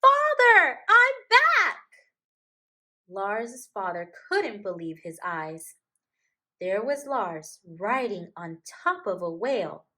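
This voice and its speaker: A woman teacher with a medium-pitched, slightly bright voice reads a storybook aloud to young children. She speaks to them gently and encouragingly, keeping her phrasing simple.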